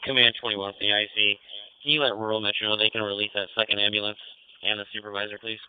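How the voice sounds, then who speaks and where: A man's voice: fairly low pitch, little pitch movement, quick pace, smooth, narrow, tinny audio. An American man working as fire incident commander, giving courteous, procedural orders in clipped police-radio style over a two-way radio. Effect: radio transmission. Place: fireground.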